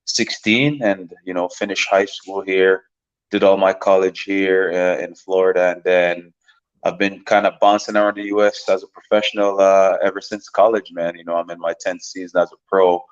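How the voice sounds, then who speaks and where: A man in his thirties from Jamaica talks through his story in a relaxed, rambling way, looping back on his words. His voice sits very low. The recording sounds a little dull and lo-fi. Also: normal speed, smooth. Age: 30s. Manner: relaxed, rambling with many fillers and repeated words. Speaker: professional soccer player, guest. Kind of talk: casual interview talk.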